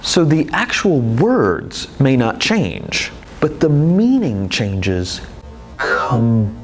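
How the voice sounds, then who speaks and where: A man's voice: medium pitch, huge pitch swings, slow pace, music in the background, rough recording. A man teaching presentation skills in a video lecture, explaining expressively with demonstrations. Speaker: presentation instructor.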